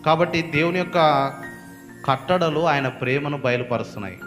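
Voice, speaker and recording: A man's voice: on the high side, fairly quick, a bit bright, faint music behind. A male pastor preaching a sermon, asking rhetorical questions and building to emphatic peaks.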